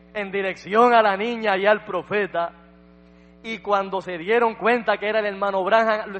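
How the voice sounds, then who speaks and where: A man's voice: high voice, a bit bright, long reverb tail, highs cut off. A male pastor preaching a sermon, telling a story dramatically and dropping in frequent amens.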